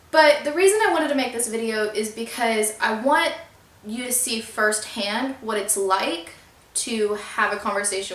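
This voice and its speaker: A woman's voice: on the high side, bright, forceful tone. Young woman telling a storytime vlog. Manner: earnest, upset, trying to stay polite. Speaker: vlogger. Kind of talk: storytime vlog, reading out emails. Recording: echoey room.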